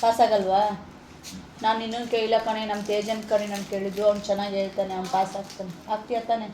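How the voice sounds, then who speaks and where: A woman with a Kannada accent from Kalaburagi, gently coaxing and consoling a crying child in a casual family vlog. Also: mid-range voice, flat delivery, quick pace. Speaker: vlogger. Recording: echoey room, faint noise.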